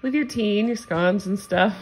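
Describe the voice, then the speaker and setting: A woman's voice: medium pitch, moderate pace, faint music behind, rough recording. A woman with a standard American accent giving a casual, gossipy, opinionated recap of a reality show. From United States. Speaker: TV recap host.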